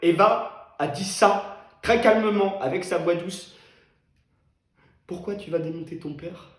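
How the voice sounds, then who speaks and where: A male stage actor delivering a theatrical monologue as a desperate young man pleading with a woman, swinging from loud pleas to near-whispers. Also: sits high, unhurried. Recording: echoey stage sound.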